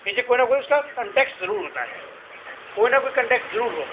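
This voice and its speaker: High-voiced male teacher, tinny classroom recording. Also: quick pace, background noise. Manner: explains with repeated questions and examples. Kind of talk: classroom lecture.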